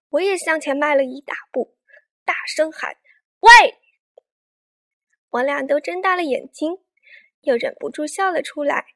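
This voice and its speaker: Storyteller: woman, high bright register, gentle children's picture-book narration, coaxing tone. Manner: warm, coaxing tone addressing children.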